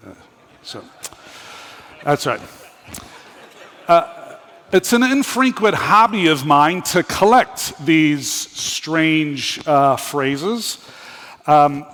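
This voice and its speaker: A man from Minnesota preaches at a conference in an unhurried, folksy way, trading wordplay and tossing questions to the crowd. His voice sits a little high for a man. A long hall reverb trails after each phrase from the stage mic. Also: fairly bright tone. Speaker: conference speaker and theology professor. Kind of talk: conference sermon. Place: large hall.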